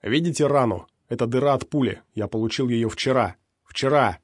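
A man voicing a furious scarred male mercenary, shouting defiantly at a crowd in an audiobook. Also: medium pitch, fairly quick, no echo, studio quality, lightly acted.

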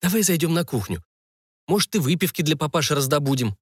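A gruff, cynical old wizard grumbles with dry indifference in a storybook reading, as a male narrator puts him on. His voice sits slightly raised and swings lively between low mutters and sharper jabs. It is recorded close and dry. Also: quick pace, no echo. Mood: scheming.

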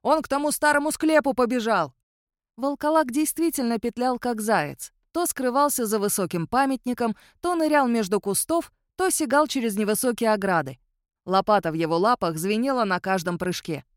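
A woman narrating an audiobook story in an expressive, animated way. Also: a little high, normal speed, dry recording, clean studio sound.

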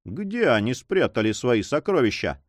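A man voicing a cold, ruthless pirate leader who speaks in an icy, mocking, unhurried way. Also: mid-range voice, big pitch swings, dry recording, lightly acted.

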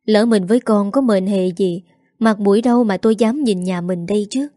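Woman reading the part of a young husband in a storybook tale, soft-spoken and devoted, with a mellow, warm tone and a dry, close sound. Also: medium pitch, normal speed, dry recording, natural voice. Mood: tender. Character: young husband of a rich household, tender and grieving.

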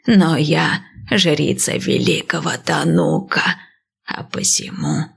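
A woman voicing an old blind priestess and seer, speaking slowly and calmly. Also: sits low, gravelly, breathy edge, exaggerated voice. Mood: calm, wise. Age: older. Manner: slow, calm, measured.

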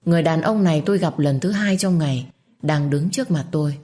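A woman narrating a first-person romance story in a calm, reflective manner. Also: low voice, a little fast.

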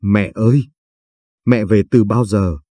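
A man voicing a young girl who sobs and calls out for her dead parents, in a husky, dry read. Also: on the low side, steady tone, takes it slowly, warm tone, dry recording. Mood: grieving. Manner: sobbing, choked.

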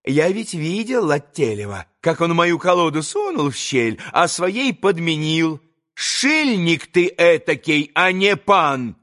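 A sly, blunt innkeeper as a male storybook reader plays him scolds in a rough, accusing voice. He talks a bit higher than usual and drags out his words slowly. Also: very animated, a bit bright, full character voice.

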